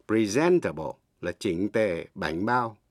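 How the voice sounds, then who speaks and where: A middle-aged man teaching English in Vietnamese, a native Vietnamese speaker who explains slowly and spells words out letter by letter. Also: on the low side, very animated. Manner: slow, deliberate, spells words letter by letter and repeats examples.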